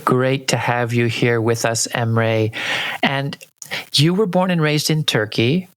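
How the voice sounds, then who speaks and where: A man hosts a podcast conversation, his voice at a middle pitch. He explains ideas calmly and steadily. The recording is dry and close, with no room sound. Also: takes it slowly, no room sound. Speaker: podcast host.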